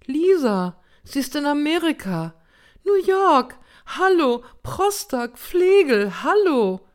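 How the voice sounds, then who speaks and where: Woman voicing an elderly grandmother, confused, fretful, shrill, high-pitched, loud, repetitive calling, audiobook reading. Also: sing-song, slow, full character voice. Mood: desperate.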